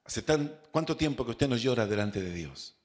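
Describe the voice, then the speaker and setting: A man's voice: mid-range voice, lively intonation. A man with a Chilean accent, a pastor preaching a Bible study sermon, repeating key words and asking the congregation rhetorical questions. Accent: Chilean Spanish. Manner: slow, drawn-out preaching with rhetorical questions and repetition.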